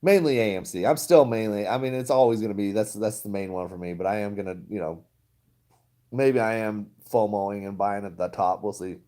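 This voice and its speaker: Here a man with a warm, fairly low voice talks a bit fast, casually chatting with viewers during his stock livestream, wandering off topic and laughing often.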